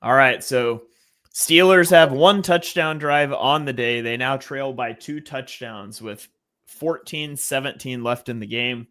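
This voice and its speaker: A man with a bright, forward voice hosts a live game-watching stream. He reads out viewer comments and breaks down each play in relaxed commentary. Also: medium pitch, a little slow. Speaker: live watch-party host.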